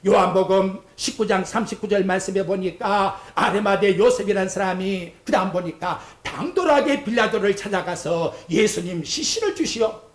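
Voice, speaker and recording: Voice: medium pitch, normal speed, hardly any pauses. A pastor preaching a fervent sermon in a church sanctuary, acting out prayers and quotes as he goes. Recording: echoey church hall.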